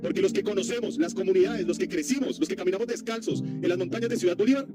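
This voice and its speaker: A man from Colombia gives a forceful speech from a podium, his voice high and insistent. Phrases come back again and again, and loud plucked guitar music plays under him. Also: fast talker. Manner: forceful, declamatory, repeats phrases. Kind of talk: impassioned speech.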